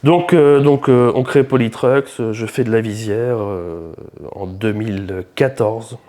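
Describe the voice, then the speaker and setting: Low-voiced man telling his story casually. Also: a little slow. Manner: informal, lively first-person storytelling. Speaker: truck parts shop founder, podcast guest.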